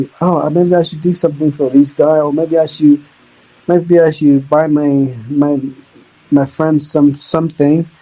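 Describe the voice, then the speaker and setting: A young man, speaking as a guest on a podcast. His voice sits a little high with a soft, mellow tone. He talks casually but haltingly, restarting sentences and repeating words as he goes. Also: low-quality recording. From China. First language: Chinese. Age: young adult. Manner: halting, repeats words, non-native grammar. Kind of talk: casual storytelling.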